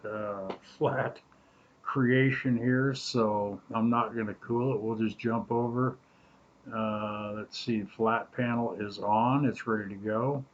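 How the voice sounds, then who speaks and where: A man giving a casual, halting hands-on tutorial in an informal, laid-back way, recorded on a laptop's built-in microphone with poor sound. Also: lowish voice, dull audio. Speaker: DIY tutorial host.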